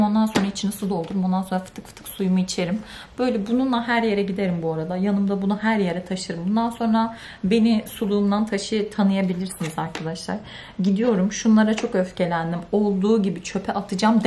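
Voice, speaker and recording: Young woman vlogger, casual chat, exasperated animated ranting, faint background noise. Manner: animated, exasperated ranting with sudden high outbursts. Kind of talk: casual vlog chat to camera.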